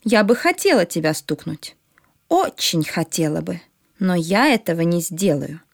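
A woman voicing a kind young schoolgirl who coaxes gently but firmly. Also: fairly low pitch, big pitch swings, a little slow, gravelly, no echo, studio quality, voice pushed down, full character voice. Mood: coaxing. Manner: gentle but firm coaxing.

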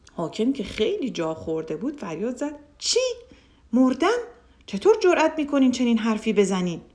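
A woman reads a children's story aloud with a lot of expression. Her voice sits somewhat high and swings widely in pitch. She gives each character its own voice. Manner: expressive, acts out every character.

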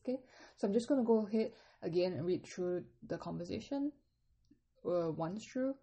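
A woman teaching a lesson, patiently explaining in English and reading out phrases slowly with careful tones. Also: medium pitch, lively intonation, warm tone, slightly rough. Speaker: Mandarin teacher. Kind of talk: podcast language lesson.

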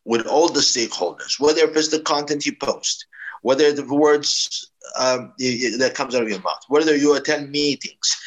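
A man's voice: mid-range voice, a bit bright, poor audio. Emphatic man explaining branding. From East Africa. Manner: emphatic, advising, with frequent restarts. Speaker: branding expert guest. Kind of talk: explanatory interview talk.

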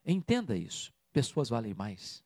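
A man's voice: mid-range voice, wildly swooping pitch, measured pace, dark tone, dry recording, studio quality. A man preaching a sermon as pastor, emphatic and repeating key phrases for weight.

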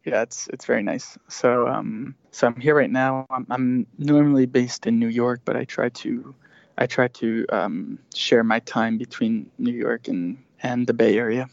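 Joining a casual interview remotely, this man in his thirties from Switzerland, a startup founder, talks haltingly with frequent fillers and false starts. His voice is medium in pitch, creaky, steady in tone and measured in pace, and the lo-fi recording is dry and dull with no room sound.

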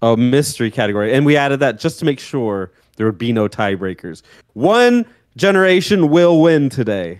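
A man co-hosting a casual gaming podcast, relaxed and explaining things while laughing along. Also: medium pitch, normal speed, hardly any pauses, no room sound, studio quality. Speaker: podcast co-host. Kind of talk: casual chat.

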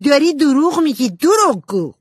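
A woman's voice: sits high, sing-song, no echo, studio quality, pitched above the performer's own voice. A woman voicing a headstrong, blunt teenage girl in an audiobook. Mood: angry. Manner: blunt and sharp.

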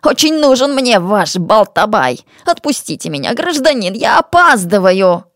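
A woman's voice: medium pitch, very animated, unhurried, dry recording, clean studio sound. A woman voicing a sly, cowardly ex-mullah of forty-two who fawns and stammers. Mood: pleading. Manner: fawning, stammering, pleading.

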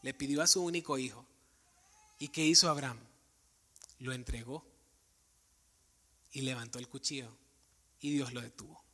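A man's voice: medium pitch, steady tone, normal speed, pauses often, pushed and bright. A man preaching a sermon to a congregation, earnest and questioning, addressing the listeners directly. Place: church sanctuary with live congregation. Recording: long hall reverb.

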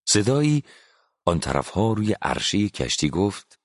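A man narrating a literary story as an audiobook, reading in a slow, dramatic and expressive way. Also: on the low side, no room sound, studio quality.

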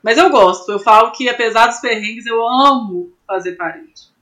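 A young woman from Brazil telling an animated story in a casual interview, laughing often and acting out what people said. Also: fairly high pitch, moderate pace. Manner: animated, laughs often, acts out quoted voices. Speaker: climber guest.

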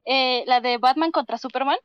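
A woman's voice: high voice, moderate pace, highs cut off, crowd noise. A Mexican woman chatting casually with friends, slangy and exasperated as she rants about a movie. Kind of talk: casual chat among friends.

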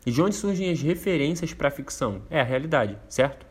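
A man's voice: fairly high pitch, animated, brisk, breathy edge. A man with a Brazilian Portuguese accent hosting a casual explainer, laid-back and slangy, rambling with fillers. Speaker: host explaining a topic.

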